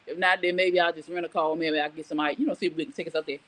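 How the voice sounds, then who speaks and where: Her voice sits low with a steady, fairly bright tone, and she talks very fast. She is a middle-aged woman hosting a casual live morning show, giving frank, emphatic advice while chatting, reading viewer comments, and telling personal stories.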